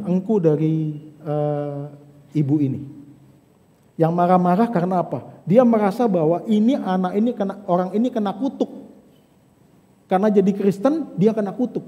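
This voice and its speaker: A male pastor preaching a sermon, speaking straight to his congregation and moving between hushed, slow passages and fervent, rising ones. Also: sits high. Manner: addresses congregation directly, swings from hushed to fervent. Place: church service. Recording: church hall reverb.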